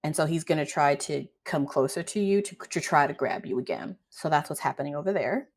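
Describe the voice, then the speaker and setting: Female tabletop game master, lower register, informal improvised narration. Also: lively intonation, brisk.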